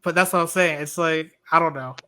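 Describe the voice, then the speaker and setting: A man's voice: on the high side, steady tone, fairly quick, bright, forceful tone, clear, resonant tone. A man co-hosting a podcast in casual chat, rambling with lots of "like". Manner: rambling, uses "like" a lot, laughs while talking. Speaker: podcast co-host.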